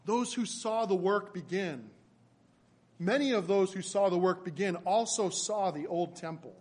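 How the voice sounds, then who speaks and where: A man preaching a sermon as pastor, building to loud emphatic peaks and then dropping soft and low. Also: a little slow, husky.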